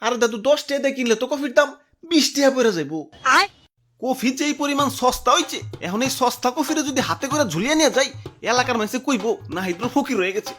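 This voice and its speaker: A stingy, vain young shopper voiced by a woman grumbles and reasons at speed in a high voice. The scene sounds like a cartoon, with faint music behind. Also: fast talker, close to an everyday voice. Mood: grumbling. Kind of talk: cartoon voice acting.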